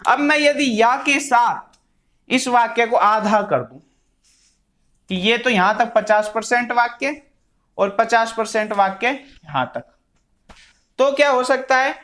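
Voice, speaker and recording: A male teacher walks through a grammar lesson at a deliberate, unhurried pace, his voice sitting fairly high for a man. He explains patiently with simple everyday examples and dictates words one at a time as he writes them out. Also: a bit bright. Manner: slow, dictating words one by one while writing.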